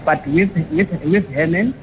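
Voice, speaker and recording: A man with a South African accent calling in to a radio show, halting and restarting often, with words from a local language mixed in. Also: fairly high pitch, slight background noise. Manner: halting, many restarts, mixes in Sesotho. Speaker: radio caller. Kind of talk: phone-in opinion. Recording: tinny phone line.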